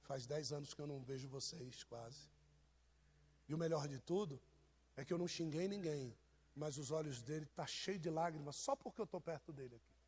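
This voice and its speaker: A man's voice: fairly high pitch, normal speed, a little mellow, breathy edge. A man with a Brazilian accent, preaching an informal sermon and joking with members of his congregation. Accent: Brazilian Portuguese. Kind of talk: informal sermon to a live church.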